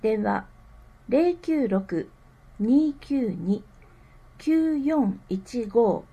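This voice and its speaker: A woman reading scripted public information aloud with careful, measured enunciation. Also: a little high, lively intonation, mellow, husky. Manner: careful enunciation, digits read out slowly one group at a time. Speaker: reader of a town newsletter.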